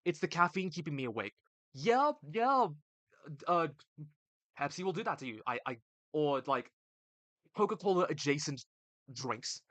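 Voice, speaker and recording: A man's voice: fairly high pitch, sing-song, moderate pace, long pauses, a bit bright, dry recording. Laid-back young male streamer. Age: young adult. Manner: reads chat aloud and bickers back, laid-back slangy banter. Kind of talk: casual live-stream chat. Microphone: desk streaming mic.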